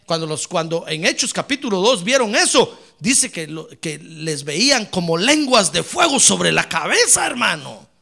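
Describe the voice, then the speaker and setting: Fiery high-voiced pastor shouting praise. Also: male voice, big pitch swings, moderate pace, creaky, few pauses. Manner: swings from quiet asides to shouted exclamations. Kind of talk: fiery Pentecostal sermon. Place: church.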